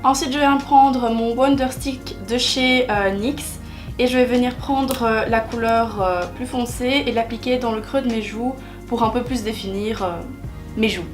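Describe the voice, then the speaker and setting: A young woman narrates a makeup tutorial in a chatty, self-mocking way, often pausing on hesitant fillers. Her voice sits a little high. Quiet music plays behind her. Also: steady tone. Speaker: beauty vlogger.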